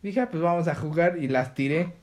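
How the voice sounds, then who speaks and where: Young mexican guy chatting, bit higher voice, acts out what people said. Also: a little fast, a little mellow. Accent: Mexican Spanish. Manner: storytelling, acts out quoted voices. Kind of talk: casual podcast chat.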